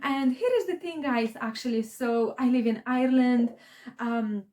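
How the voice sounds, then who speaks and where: A Romanian woman in her thirties, an aspiring novelist vlogging about her writing journey, speaks English as a second language with a Romanian accent. Her casual talk rambles with many fillers and restarts, in a slightly high, somewhat mellow voice at a moderate pace.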